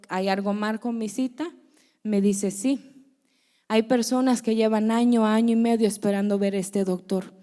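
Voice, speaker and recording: A woman's voice: high-pitched, in a large hall. A young woman preacher giving an earnest testimony sermon, telling her story and acting out conversations. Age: young adult. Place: church.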